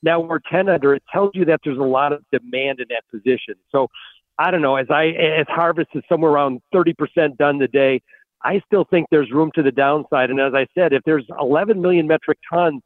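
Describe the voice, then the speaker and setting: A man analysing farm markets as a guest on a call-in radio interview, heard over a buzzy, glitchy phone connection that breaks up, talking in halting bursts with repeated words. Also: a little high, dry recording. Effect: buzzy, glitchy phone call audio that breaks up. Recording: dry, tinny phone line.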